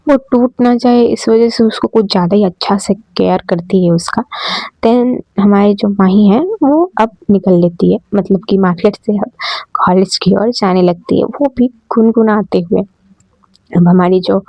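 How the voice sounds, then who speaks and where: A woman's voice: mid-range voice, vocal fry, mellow, no echo, rough recording. A woman casually narrating a romance audio story, chatty and speaking to her listeners. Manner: chatty, addresses listeners directly.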